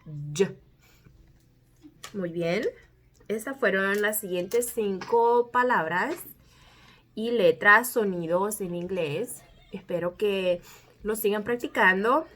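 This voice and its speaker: Spanish-speaking woman teaching english letters, really slow and careful, middle pitch. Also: sharp tone. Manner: slow, careful, drawn-out spelling.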